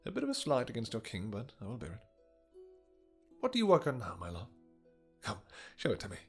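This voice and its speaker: A man playing a possessive, lovesick vampire king in a romantic fantasy roleplay, speaking in formal, halting, commanding endearments that often sink to a breathy near-whisper. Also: mid-range voice, wildly swooping pitch, reverberant, in a large hall, soft background music. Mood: coaxing, restrained.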